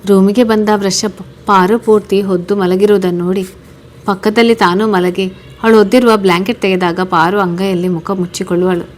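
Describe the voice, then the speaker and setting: A woman's voice: mid-range voice, level tone, normal speed. Woman reading a story aloud. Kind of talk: read-aloud story narration.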